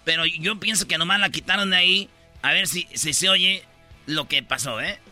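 A man's voice: on the high side, normal speed, soft background music. A man with a Mexican accent telling news stories as comic banter on a radio show, full of slang. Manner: joking, animated storyteller with slang.

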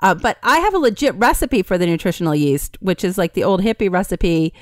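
Female podcast panelist, raspy like a chain smoker from a cold, animated and self-deprecating in loose, sweary chat, dry recording. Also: fairly low pitch, brisk, no echo. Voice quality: hoarse smoker's rasp from a cold. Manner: animated self-mocking storytelling with quoted asides. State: sick with a cold.

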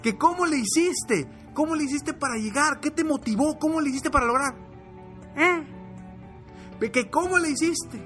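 A man's voice: very high-pitched, expressive, measured pace, pushed and bright, soft background music, pitched above the performer's own voice, exaggerated voice. A man voicing a small deaf female frog who asks questions back in confusion. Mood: puzzled. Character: deaf little female frog, puzzled and cheerful.

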